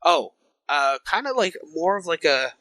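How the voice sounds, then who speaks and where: A young man in his late teens co-hosting a casual music podcast, halting and searching for words as he talks. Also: a little high, sing-song, vocal fry, pushed and bright, poor audio. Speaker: podcast co-host. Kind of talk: casual chat.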